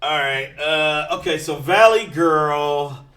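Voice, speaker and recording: A man co-hosting a gaming podcast, talking loudly and bossily with lots of swearing. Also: fairly high pitch, takes it slowly. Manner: loud, profane, bossy banter. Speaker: podcast co-host. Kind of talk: casual gaming chat. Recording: heavy background noise.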